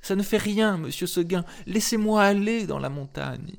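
A man's voice: high-pitched, expressive, moderate pace, gravelly, soft background music, voice pushed up. A man voicing a young, headstrong she-goat who pleads to be set free, in a storybook reading. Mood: pleading.

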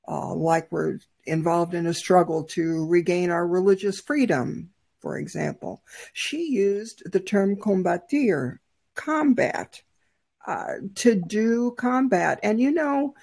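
Woman podcast co-host, measured and thoughtful, husky dark voice. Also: mid-range voice. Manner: measured, thoughtful, with frequent fillers. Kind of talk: conversational podcast discussion.

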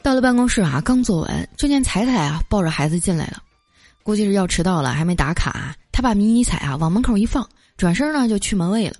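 A woman telling funny stories in a lively, laughing way, as a host. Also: medium pitch, fast. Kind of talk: comic storytelling. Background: background music.

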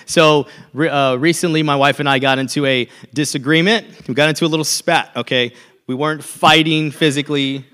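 A man's voice: a little high, steady tone, a little fast, fairly bright tone. A man in his thirties preaching a sermon as a pastor, telling a personal story in a conversational way and checking in with "okay?" often.

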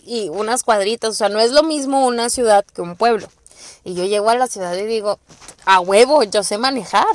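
A young woman with a Mexican accent hosting a podcast, telling personal stories in a rambling, profane way and acting out the people she quotes. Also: a little high. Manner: rambling, profane, animated quoting. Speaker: podcast host. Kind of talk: casual personal storytelling.

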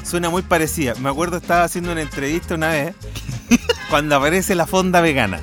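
Un hombre con acento chileno charla en un podcast y cuenta anécdotas con humor y soltura. Tiene una voz de tono algo alto. Hay música sonando de fondo todo el tiempo. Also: male voice, a little high, quick pace, soft background music. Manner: playful storyteller, relaxed and chatty. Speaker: podcast co-host. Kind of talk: casual podcast chat.

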